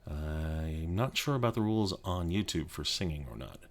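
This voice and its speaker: A very low-pitched man in his thirties, from Colorado, chats softly for an ASMR video. He rambles and trips over restarts, keeping his voice down in his home office so as not to wake his kid. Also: expressive. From Colorado, USA. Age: 30s. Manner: rambling, halting, many restarts and fillers; speaking quietly so as not to wake a child. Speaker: YouTube creator. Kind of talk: soft-spoken ASMR chat.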